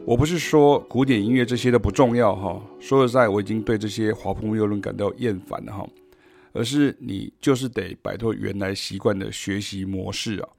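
A man's voice: fairly low pitch, fairly even intonation, brisk, vocal fry, a little mellow, no room sound. A man from Taiwan with a Taiwanese Mandarin accent, giving a podcast music lesson as a jazz teacher and explaining points with sung rhythm syllables.

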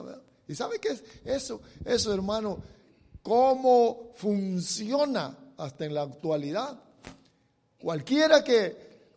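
A man's voice: high-pitched, darkish tone, in a large hall. A middle-aged man preaching a sermon, retelling a Bible story dramatically and talking straight to the listeners. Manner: dramatic storytelling with acted quotes, direct address.

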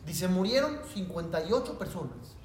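Recorded from a distance in an echoey room with faint noise, a high-voiced rabbi speaks at a moderate pace. With a Mexican Spanish accent, he tells his class a story and animatedly performs the characters' voices.

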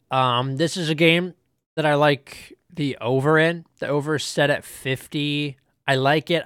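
A young man hosting a podcast alone, running quickly through his sports betting picks in a casual, fast way, with lots of ums. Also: a little high, a bit bright, clean tone, dry recording, studio quality. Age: young adult. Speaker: podcast host.

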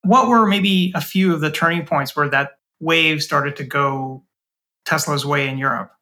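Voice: mid-range voice, unhurried, pushed and bright. An interviewer asking long, carefully framed questions.

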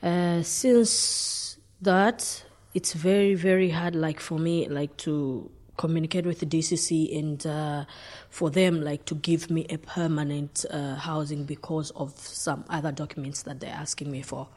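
A woman from Zambia being interviewed, speaking in a halting, hesitant way. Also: deep voice, steady tone. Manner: halting, hesitant, soft-spoken.

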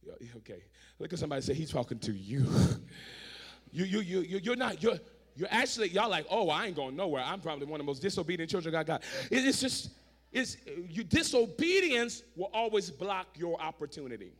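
A male pastor preaching to a congregation, swinging between shouted lines and low, joking asides full of repeats. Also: very animated, fairly quick, breathy edge. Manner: shouts and drops to a low, conversational aside, repeats words, talks back to the crowd. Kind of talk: energetic sermon to a congregation.

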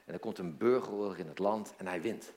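Lively storytelling male pastor. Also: sits low, brisk. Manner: storytelling, engages listeners with questions; repeats words as he searches. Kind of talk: sermon.

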